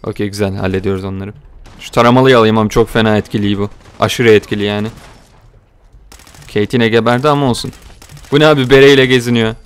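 Young male gaming host, casual and jokey, with a clear, smooth voice. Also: lowish voice, fast talker. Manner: joking, excitable, calls viewers "abi". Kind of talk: casual gameplay commentary.

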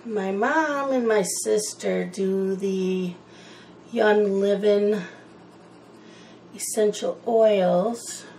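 A woman's voice: mid-range voice, drawn-out words, long pauses, darkish tone, a little hiss or hum, rough recording. A woman chatting in a rambling, casual way while she colors, wandering from one topic to the next. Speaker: coloring channel host.

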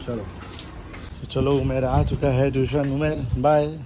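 A man's voice: mid-range voice, flat delivery, unhurried, background noise. A man chatting to his viewers in a casual family vlog while riding a motorbike. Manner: chatty, keeps addressing viewers. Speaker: family vlogger host. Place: riding a motorbike outdoors in traffic, later at home. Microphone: phone camera held close to the face.

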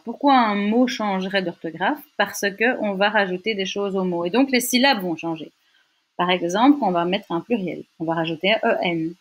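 A woman's voice: mid-range voice, fairly bright tone. A young woman teaching a language lesson, patiently sounding out syllables and checking in often with her listeners. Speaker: Dutch teacher. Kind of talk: explanatory lesson.

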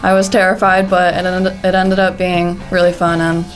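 A woman's voice: fairly low pitch, level tone, normal speed, soft background music. An eighteen-year-old woman answering interview questions earnestly in a studio, stringing thoughts together. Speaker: music school student, drummer and singer. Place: indoor studio in front of a backdrop.

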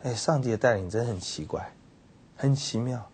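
A man pastor with a Taiwanese Mandarin accent giving a Bible teaching lecture, telling the story with animated quoted voices. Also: normal speed, husky. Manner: animated storytelling, acts out quoted characters with sudden pitch jumps. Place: television studio.

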